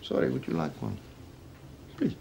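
An apartheid-era police interrogator, coolly bureaucratic and taunting, animated delivery. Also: male voice, extremely low pitch, moderate pace, creaky, slight background noise, exaggerated voice. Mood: menacing mockery.

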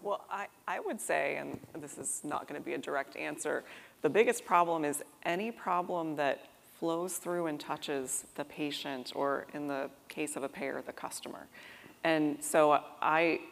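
A woman on a conference panel giving a measured, explanatory answer. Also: low voice, vocal fry. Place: conference stage in a large hall. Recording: long reverb of a large conference hall.

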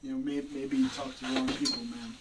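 A man's voice: a little high, big pitch swings, quick pace. Man acting as a defensive young suspect, distant mic. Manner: defensive, slangy, insistent. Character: defensive young male suspect living with mom. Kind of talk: amateur acted interrogation scene. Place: small room, camera across the room. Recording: distant mic, noisy room.

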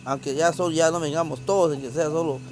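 This charity vlog is shot on a handheld phone in a rural wooded yard, where the host, a man with a Guatemalan accent, casually explains things to the camera and a group. His fairly high voice keeps a steady tone at a brisk pace, with slight background noise.

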